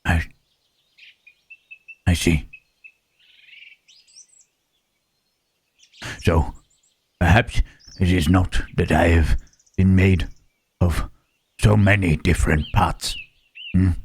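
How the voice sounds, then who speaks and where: Man voicing Frankenstein's Monster, deep, slow and husky. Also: fairly even intonation, exaggerated voice. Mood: pensive, hesitant. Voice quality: low, husky. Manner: halting, pensive, formal phrasing with questioning hums. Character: gentle, melancholy Frankenstein's monster, male, pondering his soul. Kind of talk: ASMR roleplay acting.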